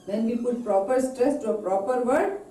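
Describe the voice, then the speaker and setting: A woman with an Indian English accent teaching English pronunciation in a recorded lecture, slowly stretching out example words. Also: a little high, warm tone, distant mic. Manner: slow, deliberate, drawn-out example words. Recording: echoey room, voice off-mic.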